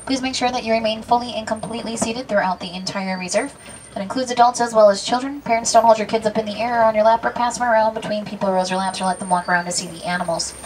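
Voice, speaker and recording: A woman working as a safari guide, giving brisk, practised, informative tour commentary from the truck. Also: a little high, fairly even intonation, a little mellow. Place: open safari truck outdoors. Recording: distant, noisy vehicle tour announcement.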